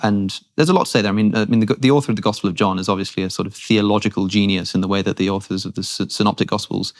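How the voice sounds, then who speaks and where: A man with a fairly low voice talking quickly as a guest in a long-form conversation. He reasons out loud earnestly and often restarts his sentences. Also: steady tone. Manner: earnest, thinking aloud with frequent restarts.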